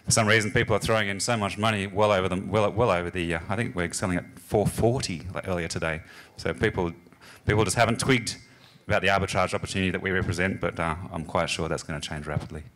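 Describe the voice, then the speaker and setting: A man's voice: low voice, fairly even intonation, fast, a bit bright. A man introducing himself on a conference panel, talking with frequent fillers and restarts. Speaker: panelist, exchange co-founder.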